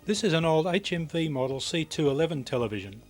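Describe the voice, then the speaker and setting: A man narrates a technical training film from a script, precise and matter-of-fact yet expressive, at a quick pace in a voice on the high side. There is music behind the voice, and the recording is a VHS tape transfer.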